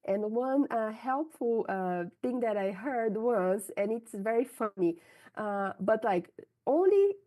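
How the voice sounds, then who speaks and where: This slightly high, mellow voice belongs to a Brazilian woman who speaks slowly with lively intonation. A native Portuguese speaker with a Brazilian accent, she talks candidly about her scientific career in an interview, frequently ending remarks with "right?".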